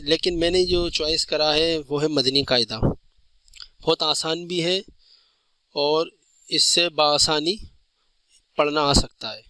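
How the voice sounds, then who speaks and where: Guy teaching the letters one by one, drags out each sound slow, bright voice, bit of background hiss. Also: fairly high pitch, poor audio. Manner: often addresses viewers directly. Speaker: Quran teacher. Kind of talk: step-by-step spoken lesson.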